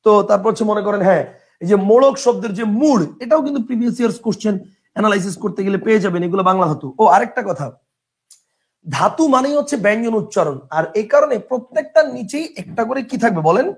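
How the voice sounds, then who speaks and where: Young male teacher, high voice, drills lists by rote and quizzes the room. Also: expressive, fast talker. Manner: drills by chanting lists, asks and answers own questions. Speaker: grammar teacher. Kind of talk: classroom lecture.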